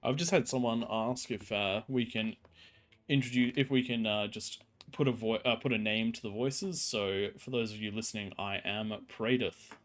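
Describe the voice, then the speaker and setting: A man with a fairly low voice hosts a game livestream. He explains and chats casually, often stopping to rephrase. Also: normal speed. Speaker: stream host, commentator.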